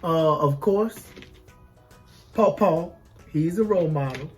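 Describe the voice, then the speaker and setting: A woman's voice: sits low, slow, faint music behind. A woman chatting casually as a vlog co-host, folksy and repeating phrases for emphasis. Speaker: co-host of a couple's mukbang vlog. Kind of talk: casual chat.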